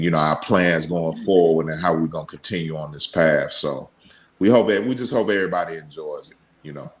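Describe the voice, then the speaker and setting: A man talking casually as a podcast guest, informal and conversational, repeating phrases for emphasis. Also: a bass voice. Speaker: podcast guest, radio show co-host. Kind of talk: casual interview talk.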